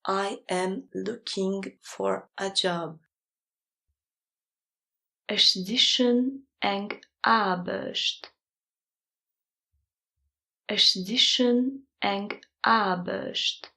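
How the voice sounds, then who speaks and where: A woman reads language phrases for sleep learning at a very slow, drawn-out pace. Her voice sits at a middle pitch. She stays calm and repeats each phrase twice. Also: gravelly, poor audio. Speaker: language teacher reading phrases.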